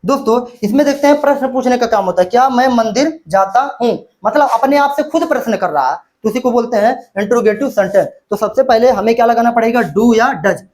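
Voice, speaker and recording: A man's voice: very high voice, fairly quick, few pauses, darkish tone. A man teaching a grammar lesson, who keeps asking questions and answering them himself and repeats key words. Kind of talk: classroom-style grammar lesson.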